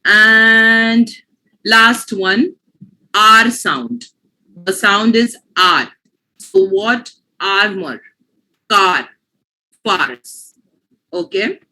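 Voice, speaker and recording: A woman's voice: a little high, drawn-out words, long pauses, bright, forceful tone, low-quality recording. A woman with an Indian accent teaching pronunciation in an online class, explaining patiently and often checking that students follow.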